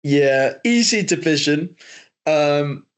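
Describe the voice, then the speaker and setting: A young man co-hosting a casual sports podcast, hesitant and quick to laugh. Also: on the high side, animated, clean tone. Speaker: co-host.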